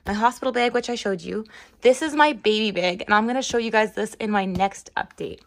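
A woman's voice: on the high side, brisk, gravelly. A young woman in late pregnancy, chatting casually as she shows items one by one in a vlog. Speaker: vlogger. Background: background music.

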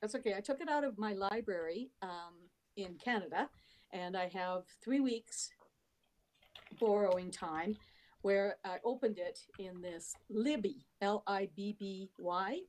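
A woman's voice: medium pitch, measured pace, darkish tone. An older woman, a club member, recommending a book on a video call in a chatty, hesitant way.

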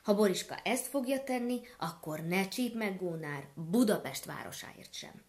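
A woman voicing a flock of squabbling farmyard geese who shout out together in a storybook tale. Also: medium pitch, expressive, close to an everyday voice. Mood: relieved. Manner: loud, clamoring.

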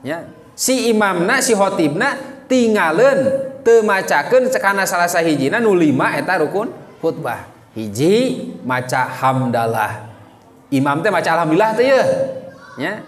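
Lively Sundanese-accented male teacher, echoey hall. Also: sits high, normal speed. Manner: animated, quizzes listeners with questions. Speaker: Islamic teacher. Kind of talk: religious study lecture. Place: mosque hall.

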